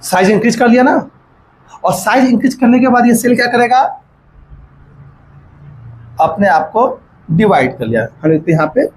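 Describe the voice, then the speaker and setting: High-voiced male biology teacher. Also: animated, slight background noise, rough recording. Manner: asks rhetorical questions and checks understanding; mixes in English terms while dictating notes slowly. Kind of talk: classroom lecture.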